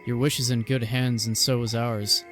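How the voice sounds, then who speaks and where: A man plays an ominous stranger from a game, speaking with quiet menace and an air of calm threat. Music plays behind the voice. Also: medium pitch, moderate pace, natural voice. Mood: quietly menacing. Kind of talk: reading game dialogue aloud in character.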